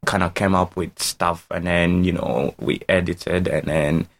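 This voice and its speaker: Tired Ugandan man, deep and gravelly, unhurried. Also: fairly even intonation. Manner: tired, unhurried, many "you know"s. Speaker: musician guest. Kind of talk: casual interview.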